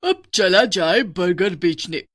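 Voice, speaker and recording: A woman's voice: fairly bright tone, a little hiss or hum, lightly acted. A woman voicing a fat, vindictive female witch in a cartoon horror story, calling out shrilly and gloating. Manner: shrill hawking calls and gloating cackles.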